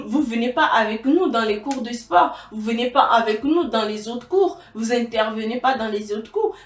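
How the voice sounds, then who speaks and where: Young woman from togo vlogging, lots of uhs and restarts, kinda distant from the mic, echoey room. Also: fairly high pitch. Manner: halting, many fillers and restarts. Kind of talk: casual storytelling to camera.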